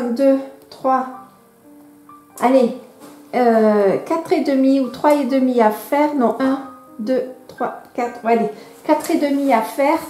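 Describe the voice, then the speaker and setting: A high-pitched woman with a soft, mellow tone talks casually to her camera, hesitating and correcting herself as she goes. Her voice rings around an echoey room. Faint music plays underneath. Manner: chatty, hesitant, frequent fillers and self-corrections. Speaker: coloring vlogger. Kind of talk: casual show-and-tell vlog. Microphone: camera microphone she moves around.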